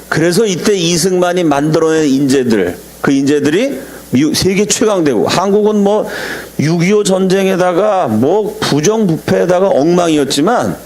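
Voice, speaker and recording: A middle-aged man, a pastor, preaching a lecture-style sermon, telling stories animatedly and acting out quotes in sudden high shouts.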